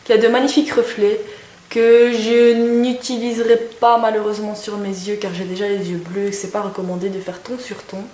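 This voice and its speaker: A woman's voice: mid-range voice, little pitch movement, normal speed, a little mellow. A young woman reviewing makeup in a casual, chatty way, with many hesitations and lots of enthusiastic praise. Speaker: beauty vlogger. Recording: echoey room with faint noise.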